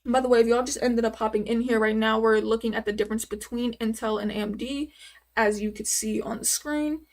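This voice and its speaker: Brief: young woman in her twenties, casual streamer, higher voice, rambling and full of fillers. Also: fairly even intonation, a little fast. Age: 20s. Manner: chatty, rambling, answers chat questions with many fillers. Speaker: livestreamer. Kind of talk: casual live-stream chat.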